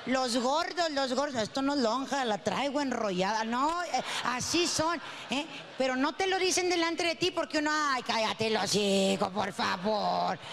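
High, bright Mexican woman comedian. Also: a little hiss or hum. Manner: crude, teasing, rapid banter. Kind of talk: stand-up comedy.

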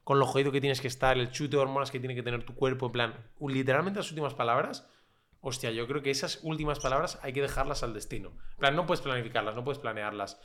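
Give me a man with a Spanish accent from Spain, talking as a relaxed podcast guest, bright-toned and loose with swear words. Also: medium pitch, quick pace. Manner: relaxed and chatty, swears freely, quotes others in lively voices. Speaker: podcast guest, food creator. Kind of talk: casual chat.

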